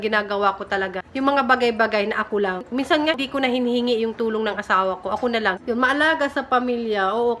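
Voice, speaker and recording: Chatty young Filipina mom vlogger. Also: female voice, a little high, a bit bright, slight background noise. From Philippines. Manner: chatty, giggly, self-teasing. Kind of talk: casual vlog chat reading comments. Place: home room in Japan. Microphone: phone camera.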